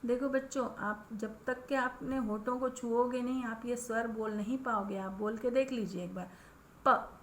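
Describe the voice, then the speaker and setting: A woman teaching children a grammar lesson, explaining patiently and saying each sound aloud, often checking in with a quick question. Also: on the high side, fairly even intonation. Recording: echoey room with faint ambient noise.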